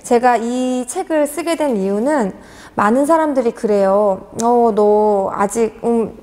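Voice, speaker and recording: A woman's voice: a little high, a little slow, mellow, long reverb tail. A woman in her forties, an author answering interview questions in an earnest, hesitant way with many fillers. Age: 40s.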